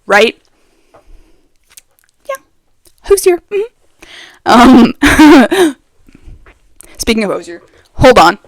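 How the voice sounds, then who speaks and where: A woman's voice: fairly high pitch, sing-song, extremely slow, long pauses, no echo. A young woman vlogger chatting casually and with strong opinions, full of fillers, speaking very close to the microphone. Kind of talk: casual chat. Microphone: very close to the mic.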